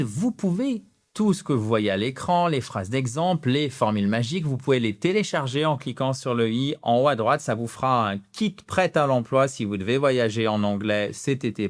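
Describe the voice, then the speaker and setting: Lively French man teaching English. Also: mid-range voice, normal speed, few pauses. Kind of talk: animated online language lesson.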